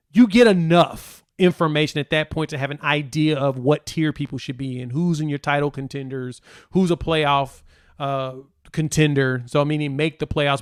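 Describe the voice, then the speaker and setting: A man's voice: a little high, clean tone, no echo, studio quality. A young man hosting a casual solo sports talk podcast, chatty and rambling with a sing-song delivery. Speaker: podcast host.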